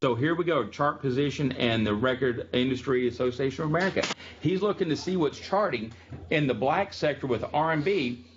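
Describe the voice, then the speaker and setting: A man's voice: mid-range voice, a little fast, a little hiss or hum. Chatty male lecturer, slightly muffled. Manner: chatty, storytelling, frequent ums. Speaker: music history lecturer. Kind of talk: casual classroom lecture. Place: classroom.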